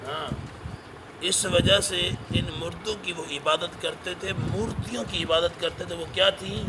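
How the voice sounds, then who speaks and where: A man with a high-pitched voice reciting verses in a measured chant, then breaking each phrase down and quizzing his class as he goes. Traffic and street noise hum clearly behind him. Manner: recites Arabic verses, then explains them line by line with teacher's questions. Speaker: Quran teacher. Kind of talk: Quran translation lesson. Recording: noisy recording with traffic behind.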